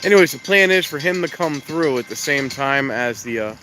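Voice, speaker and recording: With medium pitch, lively intonation, and a slightly fast delivery, a stuffy-nosed man chats on a casual live stream as a train-spotting vlogger at a railroad crossing. He rambles in an easygoing, talkative way. The recording is rough, his handheld camera mic picking up wind noise along with loud traffic and outdoor noise.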